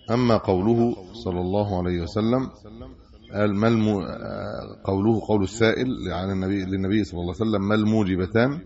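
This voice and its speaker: This religious lesson comes from a middle-aged man with an Egyptian Arabic accent whose voice is lowish and dark. He reads hadith texts and follows them with casual colloquial explanations, captured on a dull, lo-fi lecture recording.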